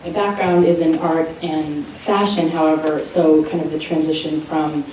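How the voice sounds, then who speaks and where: A woman's voice: low-pitched, level tone, normal speed, mellow, slight background noise. A woman who founded a company, giving a reflective answer full of hedges on a discussion panel. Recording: echoey hall, distant mic.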